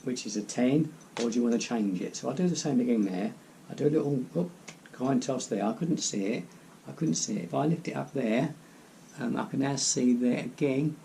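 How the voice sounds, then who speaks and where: Man doing gravelly card magician patter. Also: mid-range voice, fairly quick, mellow, a little hiss or hum, poor audio. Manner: rambling, repeats phrases, self-deprecating asides. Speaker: amateur card magician, channel host.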